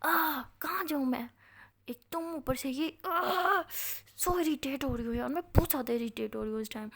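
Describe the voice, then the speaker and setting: A woman's voice: high-pitched, fairly quick. A woman voicing a hot-tempered young female college student who quarrels in melodramatic outbursts. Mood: heated, exasperated.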